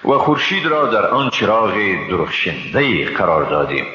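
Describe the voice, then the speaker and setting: A man with an Afghan Dari accent solemnly reads a scripture translation in a fairly low voice that is very animated, pushed, and bright. The recording is echoey with long reverb, dull and noisy.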